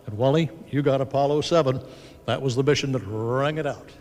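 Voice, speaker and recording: A man moderating a panel, narrating history to an audience with measured, dramatic emphasis. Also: mid-range voice, darkish tone. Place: large auditorium at a symposium. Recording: long reverb of a big hall.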